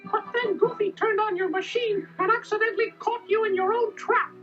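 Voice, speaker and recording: Cartoon mouse, extremely high squeaky falsetto, plucky, earnest, kindly, storybook adventure, muffled tape, soft music. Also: male voice, fairly even intonation, brisk. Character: plucky cheerful young male cartoon mouse, Mickey Mouse. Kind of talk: children's audio storybook acting. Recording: dull lo-fi tape, music behind.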